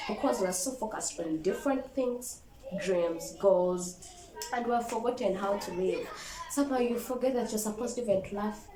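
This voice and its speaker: A woman vlogger giving an animated, playful motivational talk to camera. She acts out other people's voices and calls the viewer darling. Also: mid-range voice, moderate pace, crowd noise. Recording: echoey room with background noise.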